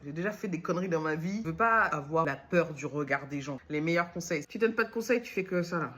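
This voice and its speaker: A woman's voice: low voice, lively intonation, fast talker, a bit bright. A woman from Lyon talking casually to camera as a vlogger and new entrepreneur, rambling and self-mocking as she jumps between topics. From Lyon, France. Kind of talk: casual direct-to-camera talk.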